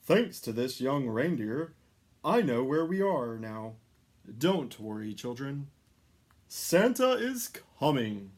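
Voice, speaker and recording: A man voicing a hearty, jolly old Santa for a children's storybook, with booming, drawn-out exclamations. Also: sing-song, a little mellow. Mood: cheerful, reassuring. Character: jolly, hearty old male Santa Claus, cheerfully reassuring.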